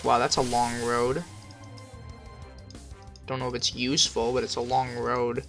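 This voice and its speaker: Casual male streamer, medium pitch, swears a lot, dithers out loud, yells when excited, faint music behind. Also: a little slow. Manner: swears constantly, thinks aloud, second-guesses himself; bursts into loud excited shouts. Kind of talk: casual gameplay commentary.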